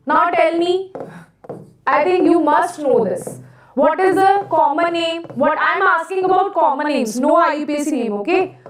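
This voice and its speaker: Lady teacher, high voice, loud echo in the classroom, recorded from far back, repeats stuff and quizzes the class. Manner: repeats phrases, asks students questions. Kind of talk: classroom lecture, quizzing students. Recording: echoey classroom, mic far off.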